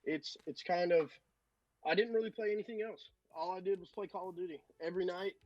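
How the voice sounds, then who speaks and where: A man's voice: high-pitched, fairly even intonation, a little fast, dull audio. A man talking casually as a guest on a podcast, an esports coach sharing his experience.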